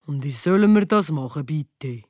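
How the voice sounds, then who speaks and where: A woman's voice: low voice, expressive, moderate pace, heavy background noise, voice pushed down. A woman voicing a blunt schoolboy in a storybook, grumbling and direct. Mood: grumbly.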